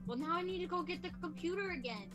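A young woman with a high voice, playful and teasing as she chats through a game. Loud music runs behind her. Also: lively intonation, fast talker. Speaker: player in a group guessing game. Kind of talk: casual gaming chat.

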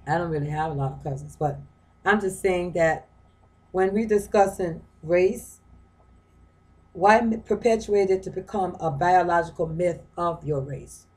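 Woman, lowish voice, conversational lecturer who circles back on phrases and asks rhetorical questions. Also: measured pace, rough recording. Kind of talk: informal lecture on a reading. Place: her home.

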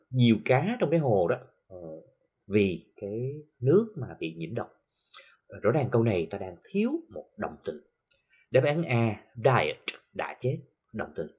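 A man with a Southern Vietnamese accent teaching an English lesson, explaining slowly with many filler sounds and reading English examples carefully. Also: mid-range voice, darkish tone, husky, highs cut off. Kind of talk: recorded classroom lesson for TV.

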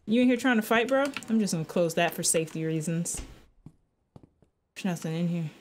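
A woman's voice: fairly low pitch, fairly quick, a little hiss or hum. A young woman giving casual horror game commentary as a scared streamer, rambling with nervous sarcasm and slang and often repeating herself. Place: small indoor room at a desk.

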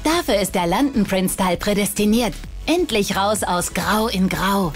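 A woman reading scripted voice-over narration for a fashion segment in a smooth, even presenter manner. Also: medium pitch, moderate pace. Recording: voice-over with music bed.

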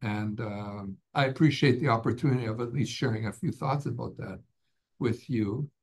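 His mid-range voice is creaky and a little mellow, moving at a moderate pace. The middle-aged Canadian author sits in his office for a casual webcam interview, frequently restarting and using many fillers.

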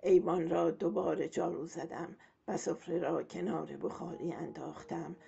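Low gravelly woman reading a novel. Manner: calm, measured storytelling. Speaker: audiobook narrator. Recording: dull lo-fi audiobook with faint music.

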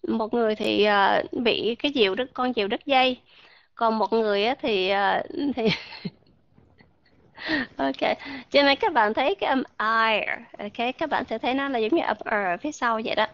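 A woman teaching English pronunciation to an online class, modeling sounds slowly and asking her learners questions. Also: on the high side, no room sound, highs cut off.

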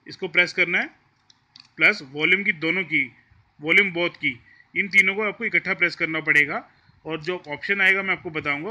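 A tech tutorial host with an Indian accent speaks in a fairly high, pushed, bright voice with a lo-fi sound. He runs an informal hands-on tutorial, mixing Hindi and English, going step by step and repeating himself.

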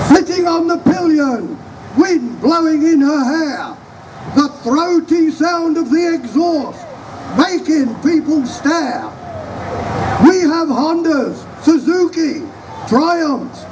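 A man calling out a rhyming proclamation as a town crier, loud and declamatory, outdoors. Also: very high-pitched. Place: outdoors in front of an event stage. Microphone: distant camera. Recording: outdoor noisy recording from far off.

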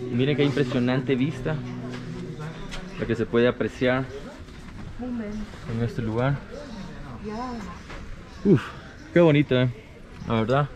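A young Latin American man excitedly vlogs his travels on an action camera held at arm's length, exclaiming and addressing viewers as friends. He moves between a cable car and a mountain-top terrace, indoors and out. His voice is medium-pitched, with music playing beneath it.

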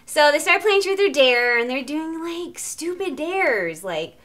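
A woman's voice: high-pitched, big pitch swings, unhurried, fairly bright tone, slight background noise. A woman casually telling a scary story to a friend in a chatty way, full of "like" and "right?", and putting on voices for the characters.

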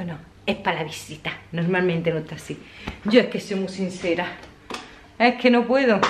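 A woman's voice: a little high, a bit bright. Chatty middle-aged woman vlogging. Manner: chatty, talks straight to viewers, laughs often. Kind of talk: casual vlog chat to camera. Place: at home, indoors.

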